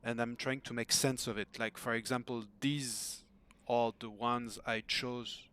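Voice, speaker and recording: A man's voice: mid-range voice, steady tone, measured pace, a bit bright, clean tone. A man in his thirties with a French accent, talking casually to a coach, full of fillers and restarts. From France. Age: 30s. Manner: hesitant, many fillers and restarts, self-deprecating. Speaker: gamer asking for coaching. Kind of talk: casual recorded message to a coach.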